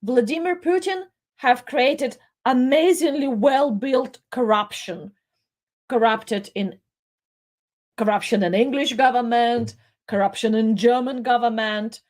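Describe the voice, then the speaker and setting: A middle-aged woman from the Soviet Union delivers impassioned live commentary in a fairly high voice. She takes her time, often halting and repeating words as emotion builds in her speech. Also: darkish tone.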